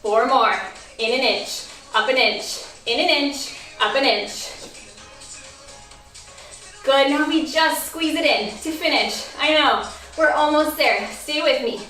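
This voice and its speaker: A woman with a high voice and an unhurried pace cues a barre class, counting reps and urging listeners on. Her voice sounds a little worn. She is heard from off the mic in a roomy space, with faint music behind. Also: sharp tone, recorded from a distance. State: losing her voice. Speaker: barre instructor. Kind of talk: workout class cueing.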